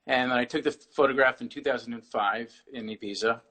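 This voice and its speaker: A man's voice: mid-range voice, a little fast, sharp tone, low-quality recording. A man, an artist, talking casually as a guest on a video-call interview, rambling and often restarting his phrases.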